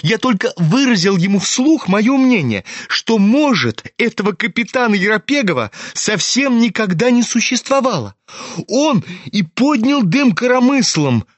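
Man voicing a mocking, high-voiced sickly young man. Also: sing-song, unhurried, no echo, full character voice.

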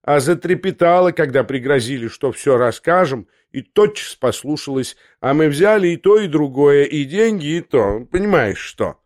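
A man's voice: on the high side, animated, normal speed, few pauses, a little mellow, no room sound, clean studio sound, close to an everyday voice. A man doing a crude, scheming young schemer. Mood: sneering. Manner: brash, coaxing, sneering.

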